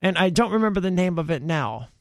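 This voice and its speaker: A podcast host chats casually about metal bands, speaking in rambling, self-correcting bursts with emphatic asides. His voice is high-pitched, expressive and fast, recorded in clean studio sound with no room echo.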